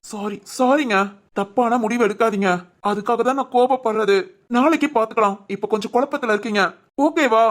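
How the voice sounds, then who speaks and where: A woman voicing a gentle young husband in a dubbed cartoon drama, earnestly pleading and reassuring. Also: a little high, a little fast, lightly acted.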